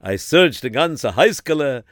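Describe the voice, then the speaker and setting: A man's voice: lowish voice, expressive, normal speed, no echo, clean studio sound, natural voice. A man voicing a fussy, easily alarmed rabbi who mixes Yiddish phrases into his talk and repeats himself when worried. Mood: pleased.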